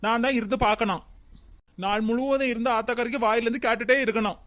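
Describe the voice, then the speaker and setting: A performer voicing a sharp-tongued young daughter-in-law in a cartoon, speaking with a Kanyakumari Tamil accent in a scolding, defensive way. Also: mid-range voice, fairly even intonation, lightly acted. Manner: scolding, defensive, quick retorts. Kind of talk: cartoon voice acting.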